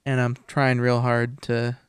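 A man hosting a casual podcast, talking in an informal, halting, self-deprecating way, close on the microphone. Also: mid-range voice, monotone, smooth, dry recording. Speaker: podcast host. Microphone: close podcast microphone into a mixer.

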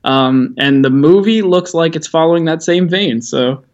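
Male podcast guest, a bit higher voice, giggly and halting, muffled audio. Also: a little mellow. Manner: laughs often, many ums and restarts. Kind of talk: casual chat.

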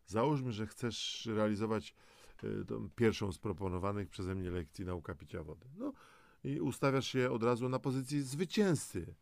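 In a dry recording, a man with a lowish, slightly mellow voice and some vocal fry delivers scripted motivational narration for a self-help audio guide. His intonation is lively and his pace moderate as he encourages the listener directly.

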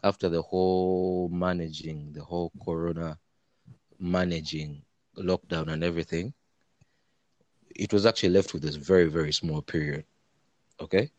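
A man with a very low voice and an East African accent from Uganda speaks as an interview guest. He gives measured, hesitant answers, often doubling back on words. The sound is dry and close. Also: steady tone, darkish tone, dry recording. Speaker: interview guest, human rights lawyer.

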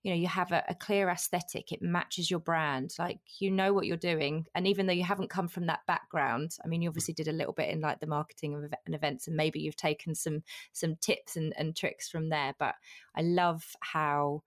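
A woman's voice: low voice, fairly even intonation, a little fast, dry recording, clean studio sound. A woman hosting a podcast interview in an effusive, encouraging, conversational way. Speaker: podcast host.

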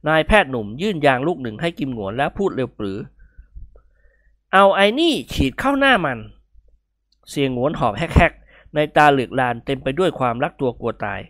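A man narrating a comic story aloud in a lively, expressive reading. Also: medium pitch, quick pace, no room sound, studio quality.

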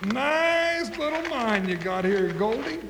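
Jingles, a very high-voiced comic cowboy sidekick. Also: male voice, lively intonation, slow pace, creaky, full character voice. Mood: curious, jovial. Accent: American. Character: comic, excitable male cowboy sidekick, good-natured. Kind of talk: old western radio drama acting. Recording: noisy vintage soundtrack with clicks.

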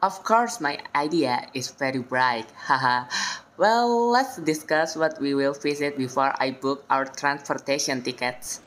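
A woman's voice: a bass voice, a little slow. A young woman with an Indonesian accent playing a self-assured friend who organises things, in a recited English dialogue. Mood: upbeat. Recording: noticeable background noise.

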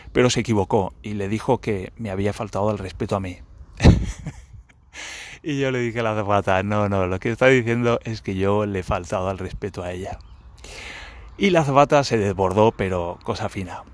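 A man's voice: on the low side, brisk, dry recording. Dry-voiced man telling a story. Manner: animated, acts out dialogue with laughs. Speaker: podcast host. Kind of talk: casual storytelling monologue.

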